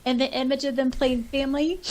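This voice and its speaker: Her voice is high and a little mellow: a podcast co-host chatting casually, reading listener comments aloud and reacting. She gushes enthusiastically about the comments and the stories she loves.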